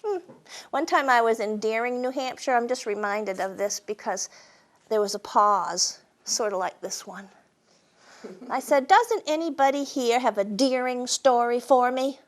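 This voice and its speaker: A woman's voice: fairly high pitch, unhurried. A woman telling humorous stories to an audience in a folksy, wry, conversational way. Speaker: storyteller and humorist hosting a program. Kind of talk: live humorous storytelling to an audience.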